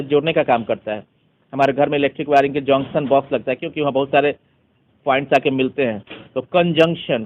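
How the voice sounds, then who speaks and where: A man teaching grammar in Hindi mixed with terms, asking the class questions and answering them himself. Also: medium pitch. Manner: mixes Hindi with English terms. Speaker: English teacher. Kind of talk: explanatory grammar lesson. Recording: dull lo-fi sound.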